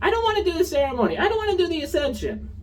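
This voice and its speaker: Man voicing a teen girl, pleading, exasperated, high, distant mic. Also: big pitch swings, rapid-fire. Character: upset teenage twin girl, pleading.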